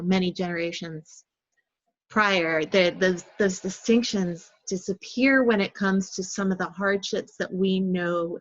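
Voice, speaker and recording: A woman moderating a panel discussion, speaking in a thoughtful, measured way with frequent pauses and fillers. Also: medium pitch, no echo. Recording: dull lo-fi dry sound.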